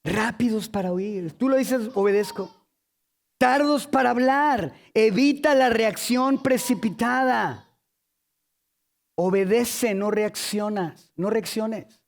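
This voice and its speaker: A man preaching a sermon in a church, lively and humorous, often checking in with the congregation through rhetorical questions. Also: sits high, slow pace, vocal fry.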